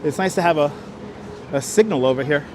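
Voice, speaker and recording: A man's voice: fairly high pitch, brisk, darkish tone, slight background noise. Chatty New man on a walking stream. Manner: chatty, reads chat aloud, chuckles often. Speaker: livestream host. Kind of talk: live walking stream narration. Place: city street outdoors. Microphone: wireless clip-on mic.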